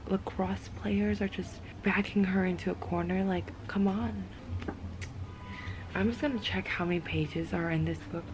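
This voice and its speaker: A woman's voice: lowish voice, creaky, noisy background. A young woman chatting casually about a book she is reading, exasperated and sometimes dropping to a whisper. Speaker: book vlogger. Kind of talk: casual reading vlog chat.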